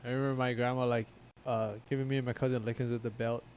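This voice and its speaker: A man's voice: medium pitch, level tone, darkish tone, smooth, rough recording. A man on a podcast telling family stories in casual chat, with frequent restarts. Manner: storytelling, halting with restarts. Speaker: podcast co-host.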